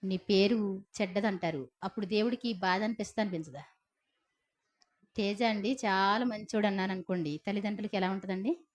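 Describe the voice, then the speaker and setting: A woman's voice: mid-range voice, a little fast. A middle-aged woman preaching a sermon in a chatty, storytelling way, often asking her listeners questions. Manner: conversational preaching with rhetorical questions and tag questions.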